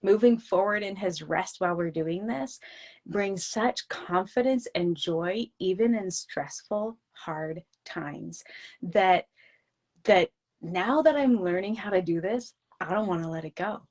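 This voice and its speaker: A woman in her forties, a guest in a casual interview chat, speaks earnestly and from the heart about faith. Her medium-pitched voice is a little mellow and moves at a measured pace.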